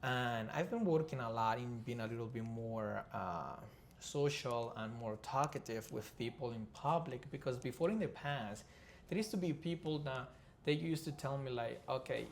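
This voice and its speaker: Colombian man with a gravelly voice. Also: medium pitch, a little hiss or hum. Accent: Colombian Spanish. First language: Spanish. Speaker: podcast co-host. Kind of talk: casual chat.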